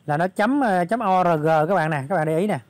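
Slightly hoarse man, chatty vlog. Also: high voice, lively intonation, quick pace. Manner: chatty, many fillers, addresses viewers directly. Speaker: crypto channel host. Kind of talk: casual screen walkthrough vlog.

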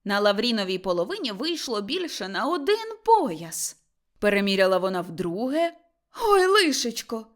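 A woman reading an audiobook in an expressive storytelling manner. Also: mid-range voice, moderate pace. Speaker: audiobook reader. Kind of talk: scripted narration.

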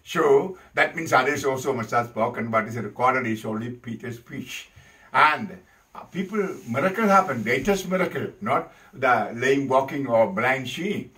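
Animated preaching priest, a bit off-mic. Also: male voice, medium pitch, normal speed, distant mic, low-quality recording. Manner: animated, emphatic preaching with many fillers. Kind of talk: sermon.

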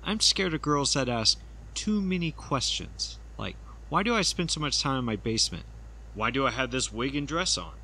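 A man's voice: medium pitch, expressive, moderate pace, sharp tone, slight background noise, low-quality recording. A man voicing a creepy, awkward hotel-keeping killer in a comedy animation, hesitant and unsettlingly intense. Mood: unhinged.

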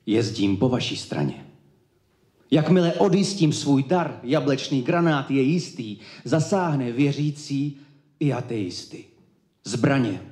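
Man declaiming slam poetry, roomy echo. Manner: rhythmic rhyming declamation with dramatic swings in pitch and loudness. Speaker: slam poet. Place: live event room.

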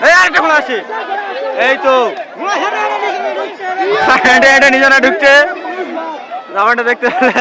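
At a crowded village racing field outdoors, a man with an extremely high voice calls the action like a race commentator at normal speed, pausing often. He repeats phrases and greets viewers as friends, while a loud crowd makes the recording noisy.

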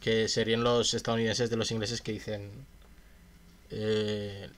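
A man's voice: fairly low pitch, little pitch movement, measured pace, a bit bright. A man from in a casual livestream, reading a philosophy text aloud and musing about it with his chat in a chatty, questioning way. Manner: reads passages aloud then muses with chat in a chatty, questioning way.

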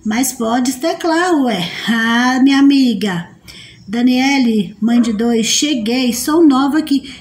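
A woman's voice: sits high, darkish tone, slight background noise. A woman hosting a casual live stream, reading out viewer comments, greeting people by name and teasing them playfully.

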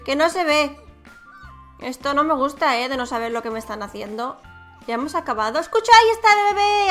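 A high-pitched woman chats playfully through her gameplay, her voice bright and lively. Faint music plays under her talk. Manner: chatty, playful, exclamatory. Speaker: gaming YouTuber. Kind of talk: casual gameplay commentary.

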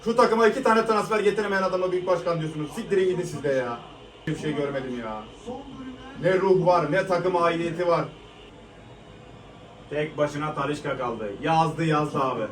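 A young man giving live reaction commentary on a match, frustrated and swearing as he shouts at the players. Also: on the high side, a little fast. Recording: echoey room, mic at a distance.

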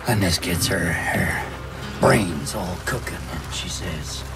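An actor playing an aging grandfather in a game trailer, a weary, quietly determined survivor telling a story slowly. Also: sits low, lively intonation, heavily acted. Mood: tender reminiscing. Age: older. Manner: slow, gravelly storytelling. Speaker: trailer narrator. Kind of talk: scripted game trailer monologue. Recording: voice over loud music and rain.

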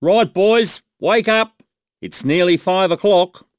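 A man voicing a brisk adult male camp guide, calling out orders loudly to a group of boys. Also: mid-range voice, sing-song, no echo, studio quality. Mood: rousing. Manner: loud rallying calls to a group.

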